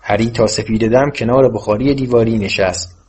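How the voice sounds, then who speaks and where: Man, audiobook narration, low voice, husky, steady reading.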